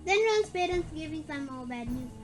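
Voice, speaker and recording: An animated, high-pitched reader moves briskly through a spooky story for children, stumbling and doubling back on words here and there. There's music playing behind them.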